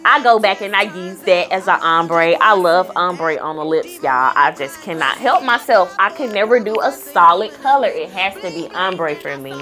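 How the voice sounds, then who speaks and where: A woman's voice: lowish voice, animated, moderate pace, few pauses, bright, forceful tone. A woman giving a casual makeup tutorial in a sassy, playful manner, talking straight to her viewers. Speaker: beauty vlogger. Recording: music playing behind the voice. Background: background music.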